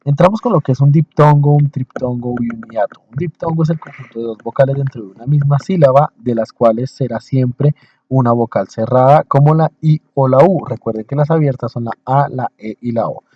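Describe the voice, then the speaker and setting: Man teaching a slow, repetitive lecture. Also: mid-range voice, husky, highs cut off. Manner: explains slowly in short phrases, checks in with listeners; repeats phrases to stress a point. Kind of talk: recorded lecture over slides.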